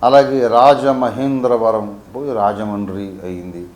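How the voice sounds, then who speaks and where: A man from Warangal, a pastor teaching a Bible sermon, swinging between quiet asides and emphatic peaks. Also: fairly low pitch, steady tone, a little slow, echoey room. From Warangal, India.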